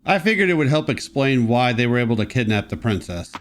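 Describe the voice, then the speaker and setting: A man's voice: medium pitch, big pitch swings, fast. A man giving casual, wry commentary as host of a video game let's play, with joking asides.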